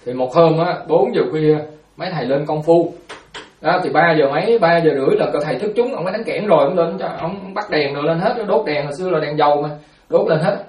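Fields: male Buddhist monk. Style: fast, animated dharma storytelling with a fairly high voice. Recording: roomy, distant. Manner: animated storyteller, repeats words, acts out quotes.

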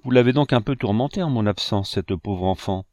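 A man reading a calm fatherly old painter. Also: fairly low pitch, a little fast, no room sound, studio quality, close to an everyday voice. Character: older male painter and uncle, calm and measured. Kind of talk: audiobook reading.

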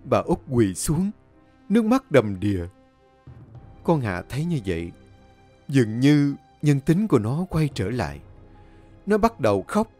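A man's voice: big pitch swings, measured pace, long pauses, mellow, faint music behind. A man narrating a dramatic horror story and voicing its characters himself. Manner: voices each character with high pleading tones.

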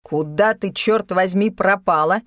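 A woman's voice: mid-range voice, measured pace, a bit bright, no room sound, studio quality, lightly acted. A woman reading an audiobook, voicing an angry man who barks harsh commands.

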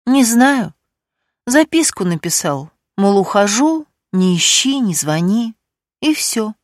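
A woman reading an audiobook, voicing a meek, abandoned woman in a subdued, quiet voice. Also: mid-range voice, very animated, slow, no room sound, clean studio sound. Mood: dejected.

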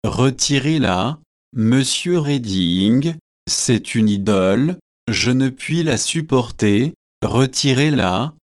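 An excitable, fanatical preacher rants in a slow, deliberate storybook reading, as a man reads him aloud. The voice sits at an ordinary middle pitch. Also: dry recording, studio quality. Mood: panicked.

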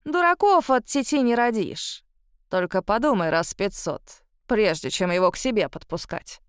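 A woman voicing a grumpy ancient female witch who scolds in a gruff, grumbling voice. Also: medium pitch, animated, moderate pace, no echo, studio quality, lightly acted.

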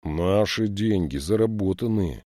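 A hulking, sullen teenage boy snaps back and protests his innocence, as a male narrator puts him on. The voice is pushed up from the reader's deep tone, loud and defiant, in a dry close room. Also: expressive, measured pace, no room sound. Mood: sulky. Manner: sulky, protesting, snapping back.

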